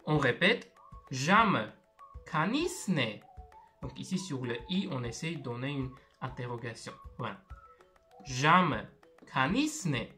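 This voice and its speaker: A man's voice: mid-range voice, a bit bright. A man teaching a video language lesson, explaining step by step and patiently repeating words for learners.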